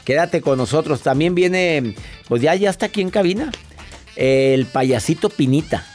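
A man's voice: fairly high pitch, animated, moderate pace, a little mellow, faint music behind. A man hosting a radio call-in show, chatting playfully and acting out little dialogues. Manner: playful, laughing, acts out dialogues. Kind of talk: radio call-in chat and advice. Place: radio studio booth.

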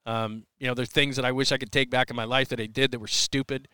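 A man's voice: medium pitch, flat delivery, quick pace, bright, forceful tone, clean tone, no echo, clean studio sound. A middle-aged man hosting a sports talk show, chatting loosely and rambling with many restarts as he answers a listener's question. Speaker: sports radio host. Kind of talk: live podcast chat answering listener questions. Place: press area at a big sports event.

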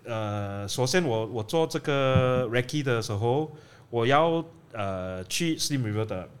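A man's voice: mid-range voice, expressive, takes it slowly, slight background noise. A man with a Malaysian accent telling anecdotes casually as an interviewed film director, using lah and ah and mixing in Chinese. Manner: colloquial Manglish with particles like lah and ah, mixing in Chinese.

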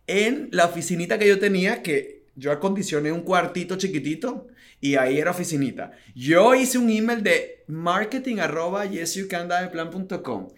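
A man's voice: high voice, moderate pace. A man telling his business story in a casual interview, acting out quotes and laughing often. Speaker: guest entrepreneur.

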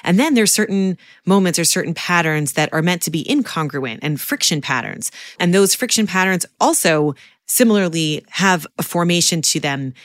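A woman hosting a podcast, speaking in a reflective and measured way. Her voice is lowish. The recording is close and dry, with no room sound. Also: expressive, no room sound. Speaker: podcast host. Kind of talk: podcast interview.

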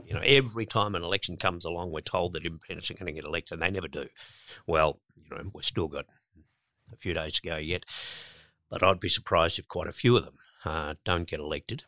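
A man's voice: deep voice, fairly quick, sharp tone, no room sound, studio quality. A man giving emphatic, conversational political commentary as an interview guest, often pushing his voice up on stressed words. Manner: emphatic, rising to indignant stresses, some repeated words.

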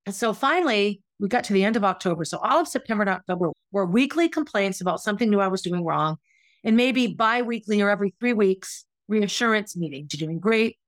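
A woman's voice: medium pitch, lively intonation, fast talker, no echo. A middle-aged woman telling her own story in a candid, emotional and frustrated way, as a podcast host. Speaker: podcast host, former teacher. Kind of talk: personal storytelling monologue.

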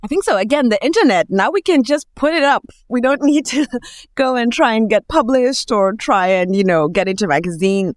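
A woman's voice: on the high side, lively intonation, fairly quick, dry recording, studio quality. A woman with a Kenyan accent speaking reflectively and expressively as an interview guest.

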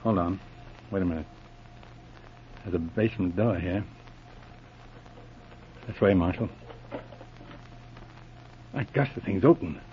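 An actor playing a cool, shrewd police inspector with clipped commands in a 1940s radio adventure serial. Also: male voice, low voice, a little slow, long pauses, slight background noise. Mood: cautious, businesslike. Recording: muffled old radio recording.

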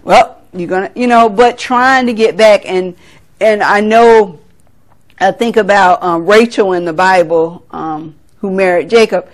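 A woman's voice: medium pitch, measured pace. A middle-aged woman from South Carolina preaching a sermon, earnest, laughing at herself and acting out family conversations.

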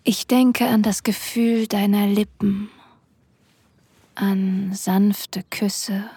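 Casting: woman for adult ASMR role-play audio. Airy, extremely breathy delivery, intimate manner, close and dry recording. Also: medium pitch, steady tone, very slow, mellow, no room sound. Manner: sensual, intimate, addressing the listener directly. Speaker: erotic audio performer. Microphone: close microphone, dry sound.

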